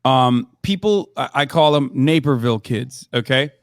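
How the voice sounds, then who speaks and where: A man who grew up in Turkey debates as a commentator on a live stream, his mid-range voice animated and moderately paced. He's hesitant, full of fillers and restarts, and swears now and then. The sound is clean studio audio with no echo.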